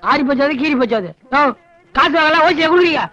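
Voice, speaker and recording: An actor playing a penniless, cheeky small-town man who bluffs and complains loudly in a film comedy scene. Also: very high-pitched, lively intonation, fast, no echo, exaggerated voice. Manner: loud, whiny, comically exaggerated complaining. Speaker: comic lead in a film scene. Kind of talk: Tamil film comedy acting. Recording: slightly dull film soundtrack with music.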